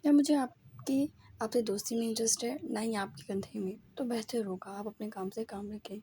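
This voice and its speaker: A woman's voice: on the high side, fairly even intonation, warm tone, slight background noise, natural voice. A woman voicing a cold young woman who answers sternly and curtly in an audio novel. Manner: stern, curt.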